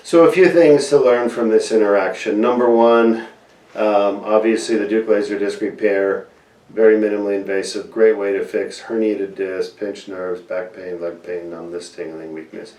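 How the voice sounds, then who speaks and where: A man's voice: fairly low pitch, fairly even intonation, moderate pace, darkish tone. A man, a surgeon interviewing his patient and explaining procedures in plain terms to viewers. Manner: explanatory, addresses viewers directly. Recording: distant mic in echoey room.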